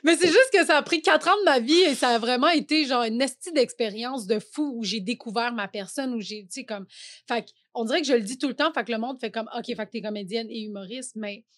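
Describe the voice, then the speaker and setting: The woman, a comedian in her thirties with a Québécois French accent, rambles casually on a podcast, laughing often and leaning on fillers and restarts. Her voice is a little high and fairly bright, fairly quick, in a dry recording.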